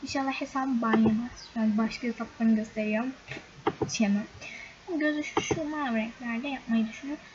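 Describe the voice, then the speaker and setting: High-voiced chatty young woman gaming vlogger. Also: fairly even intonation, fairly quick. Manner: chatty, exasperated, often addresses viewers as friends. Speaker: gaming YouTuber. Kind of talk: casual game screen-recording commentary. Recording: dull lo-fi recording with loud background noise.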